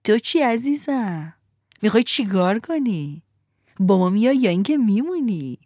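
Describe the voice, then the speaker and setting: A woman playing a purring, flattering little coachman. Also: on the high side, no echo, clean studio sound. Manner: coaxing, purring. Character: fat little coachman, sweet-voiced and flattering. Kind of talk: storybook narration.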